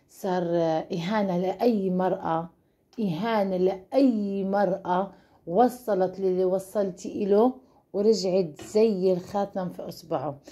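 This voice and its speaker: A woman from Morocco delivering an exasperated, scolding and sarcastic monologue as a vlogger. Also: mid-range voice. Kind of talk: ranting monologue to camera.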